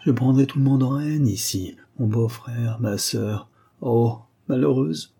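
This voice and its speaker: A man's voice: mid-range voice, unhurried, vocal fry, warm tone, slightly rough. Tearful pleading young woman, read by a man. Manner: pleading, emotional.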